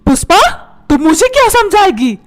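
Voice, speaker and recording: A tight-fisted, short-tempered cartoon husband, voiced by a woman barks out sarcastic threats in a very high voice that leaps up and down. The delivery is comic dubbing, quick to scold. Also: sing-song. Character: stingy, short-tempered middle-aged husband.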